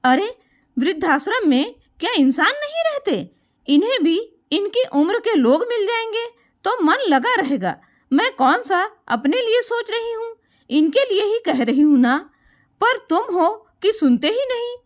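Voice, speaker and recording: A woman's voice: very high-pitched, very animated, a little slow, voice pushed up, exaggerated voice. A woman voicing a resentful, scolding young wife. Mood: angry scolding. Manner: scolding, complaining.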